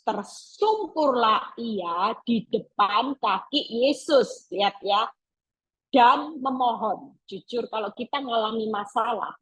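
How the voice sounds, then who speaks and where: A woman's voice: a little high, fairly bright tone, slightly rough, poor audio. A woman evangelist preaching a sermon over a video call, emphatic and acting out pleading prayers.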